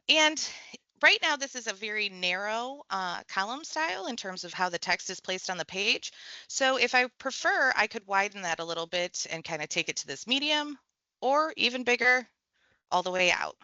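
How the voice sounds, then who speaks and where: A tech trainer with a bright, forceful, medium-pitched voice walks a viewer through a screen-share software tutorial one click at a time. She keeps it casual and conversational. The recording is dry, a little dull, and free of echo.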